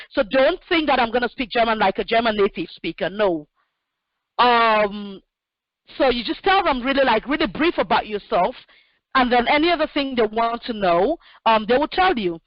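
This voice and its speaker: A woman's voice: on the high side, dry recording, lo-fi sound. Direct, practical woman in her forties. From Cameroon. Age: 40s. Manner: direct, practical, with many fillers. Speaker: human resources expert guest. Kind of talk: answering questions in an online session.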